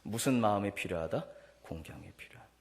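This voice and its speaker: A man's voice: a little fast, gravelly, big-room sound. A male pastor preaching a Sunday sermon, questioning the congregation and acting out family quarrels. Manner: mimics quarrelsome family voices in high shrill bursts. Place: church sanctuary.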